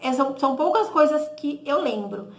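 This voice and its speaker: A woman's voice: sits high, lively intonation, normal speed, roomy sound. A woman with a Brazilian Portuguese accent giving a personal testimony, recounting conversations with lots of "he said, I said" and little tag questions. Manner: conversational, re-enacts dialogue with "he said, I said"; frequent tag "né?" and self-corrections.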